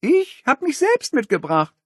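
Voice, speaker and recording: Guy doing a bored snarky schoolgirl, way up high, lively, husky. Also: a little slow, dry recording, heavily acted. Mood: scornful. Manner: dry, scornful, sighing. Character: sarcastic, bored schoolgirl Holly.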